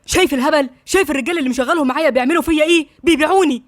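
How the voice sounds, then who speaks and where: Angry young gang boss read by a woman, Egyptian accent, yelling fast insults, dry close sound. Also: high-pitched, no echo, close to an everyday voice. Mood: furious. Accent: Egyptian Arabic. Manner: shouting, rapid, insulting. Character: furious young male gang boss in a jail cell.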